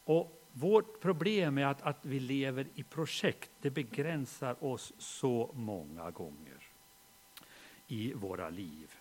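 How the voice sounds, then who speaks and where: A middle-aged man preaching a sermon and telling a personal story, moving from hushed reflection to loud, animated storytelling. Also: medium pitch, breathy edge.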